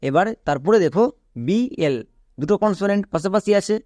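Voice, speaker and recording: A man's voice: high-pitched, expressive, brisk, darkish tone, dry recording, studio quality. A man with a Bengali accent teaching English spelling rules step by step, asking and answering his own questions. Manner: asks and answers his own questions, repeats key words. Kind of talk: step-by-step classroom explanation.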